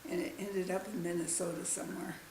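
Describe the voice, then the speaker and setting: Gravelly elderly woman recalling slowly. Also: fairly low pitch, flat delivery, darkish tone, roomy sound, slight background noise, poor audio. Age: 90s. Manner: slow, halting recollection. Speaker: interviewee, grandmother. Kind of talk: casual family interview.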